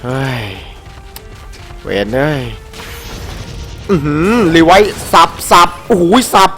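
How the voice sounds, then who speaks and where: A man giving excited let's-play commentary over a game, animated and playful, with frequent shouted exclamations and crude slang. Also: fairly high pitch, takes it slowly, creaky. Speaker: gameplay commentator. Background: faint game music.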